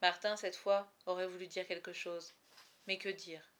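A woman reading a novel aloud chapter by chapter, with expressive, dramatic storytelling. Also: on the low side, normal speed. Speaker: reader.

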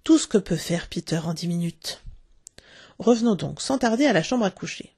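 Husky, gravelly woman reading a story aloud. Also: lowish voice, moderate pace, no room sound, clean studio sound. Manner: expressive storytelling, acting out the characters. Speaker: narrator.

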